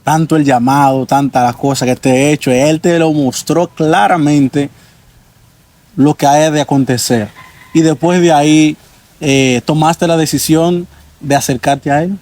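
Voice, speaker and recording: A man hosts a testimony interview. His voice is a little high, and he mostly answers with brief, affirming interjections. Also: steady tone, unhurried, darkish tone. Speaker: host.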